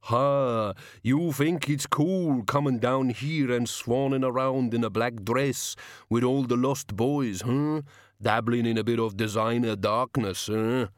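A man voicing a hulking male bogeyman who talks in a sneering, taunting rumble. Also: slow, no echo, studio quality, close to an everyday voice.

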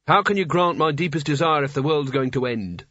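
A man's voice: fairly high pitch, fairly quick, fairly bright tone, no echo, muffled recording. A man doing a whining cowardly wizard. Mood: exasperated. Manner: whiny, pleading.

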